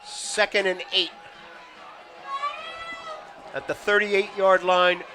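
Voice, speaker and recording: A man calling live high school football play-by-play in measured calls that rise for big plays. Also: flat delivery, pushed and bright. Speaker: play-by-play announcer. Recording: outdoor broadcast with crowd and noise.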